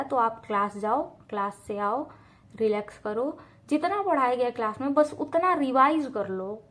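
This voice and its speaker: Young woman, slightly high voice, casual advice vlog, direct and earnest, repeats herself for emphasis. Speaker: student advice vlogger. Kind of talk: casual advice talk to camera.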